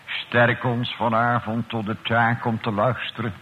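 A man leading a slow, solemn church prayer and sermon as pastor, addressing God in archaic, formal words. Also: mid-range voice, level tone, a little hiss or hum. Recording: old radio broadcast, tinny, echoey church.

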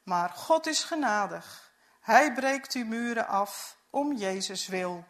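A woman voicing a kindly, devout elderly uncle in a storybook reading, speaking in a gentle, solemn hush. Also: a little high, animated, takes it slowly.

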